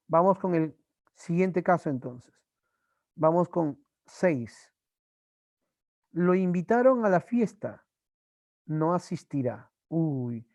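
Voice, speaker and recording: A male teacher from Peru giving an online language class, slowly repeating examples and his students' answers. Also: a little high, a little mellow, dry recording, highs cut off.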